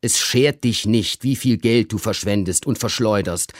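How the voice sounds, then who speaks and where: A man voicing an irritable, pompous older gentleman who blusters at his household in a literary reading. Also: fairly low pitch, unhurried, no room sound, clean studio sound, natural voice. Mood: blustering. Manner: gruff and blustering.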